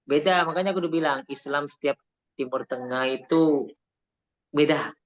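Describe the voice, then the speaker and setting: A man's voice: a little high, normal speed. A man talks casually while teaching Arabic and drifts into personal stories. He drops Arabic phrases into his speech. The recording sounds dull and lo-fi. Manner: chatty, tells personal anecdotes, mixes in Arabic phrases.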